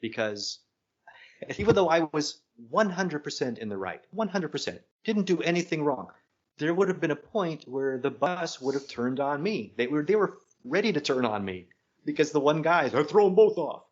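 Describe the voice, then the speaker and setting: A man co-hosting a podcast, telling a story in a casual, animated way that keeps breaking off and restarting. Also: fairly high pitch, normal speed. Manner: animated, self-interrupting anecdote telling. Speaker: podcast co-host. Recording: dull lo-fi sound.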